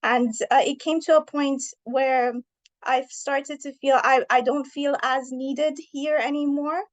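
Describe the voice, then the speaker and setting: Woman, 30s, from Iran, author, earnest, thoughtful, slightly high voice. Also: steady tone, a little slow. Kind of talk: interview answers.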